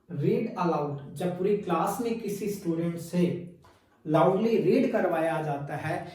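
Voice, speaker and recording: Echoey high-voiced male teacher lecturing. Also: mellow, distant mic. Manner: explains step by step, keeps asking and answering his own questions, frequent 'theek hai'. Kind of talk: recorded exam-prep lecture. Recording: very echoey room, voice from afar.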